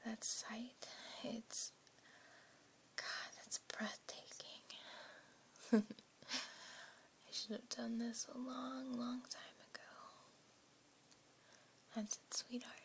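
A woman performing a whispered role-play as a tender but dominant, seductive lover, in a breathy, coaxing way. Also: fairly high pitch, level tone, very slow, long pauses, a bit bright. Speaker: audio role-play performer in an adult scene.

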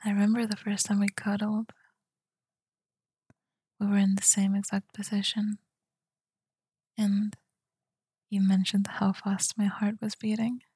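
A woman whispering softly in a tender, soothing ASMR roleplay, speaking close to the mic. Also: medium pitch, flat delivery, no echo. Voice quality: breathy whisper. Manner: soft, tender and soothing, slow murmurs. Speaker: girlfriend roleplayer.

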